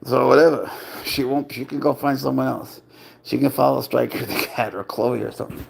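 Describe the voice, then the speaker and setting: A man's voice: mid-range voice, steady tone, a little fast, creaky, breathy edge. A man hosting a casual live stream, chatting playfully and talking doting baby talk to his pet, laughing often.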